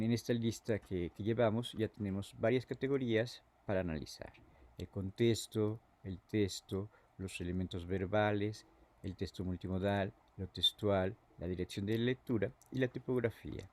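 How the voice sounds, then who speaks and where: A man giving a lecture as a teacher, halting and repeating words, often filling pauses with "este". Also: on the low side, darkish tone.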